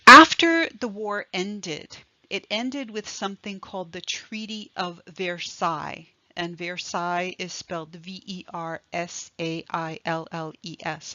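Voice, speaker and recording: A woman giving a recorded history lecture, explaining slowly and with emphasis, spelling out terms and stressing key words. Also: on the low side, bright, forceful tone, dry recording. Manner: slow, deliberate, emphatic explaining. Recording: dry, slightly dull lo-fi recording.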